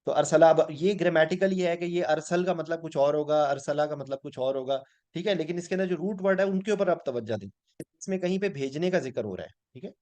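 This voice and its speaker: A man's voice: a little high, quick pace, a little mellow. A man teaching a weekly Quran class, patiently explaining grammar and often checking "ठीक है?" as he mixes in English words.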